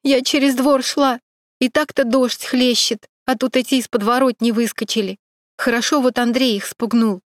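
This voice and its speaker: Tearful young woman after an assault, sobbing and high, read by a woman narrator. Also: steady tone, moderate pace, no echo, clean studio sound, natural voice.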